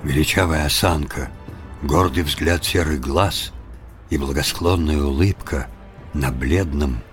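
A man narrating a story in a measured, dramatic reading style. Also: rumbling low, soft background music. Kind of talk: scripted audiobook narration.

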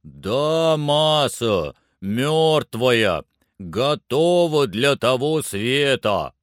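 A man voicing a cautious, grumbling old servant in an audiobook, slow and plaintive. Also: mid-range voice, big pitch swings, no room sound, clean studio sound. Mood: wary, calling. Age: older. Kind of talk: audiobook character voice.

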